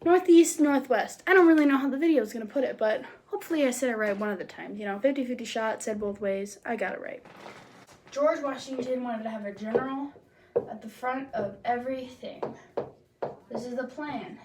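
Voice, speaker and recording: Woman, homemade history explainer, high-pitched, goofy, slangy, lively delivery. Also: a little fast, heavy background noise. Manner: playful and jokey, with slang asides; lively, with sudden loud bursts and drops to near-whispers. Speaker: presenter of a homemade history video.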